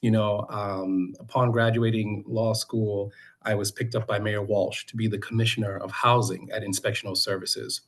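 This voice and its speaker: A middle-aged city council candidate from Boston, United States, gives an informal campaign introduction at a community meeting, like a local greeting neighbors. He has an American accent and a fairly low, level voice, and speaks haltingly with pauses and self-corrections.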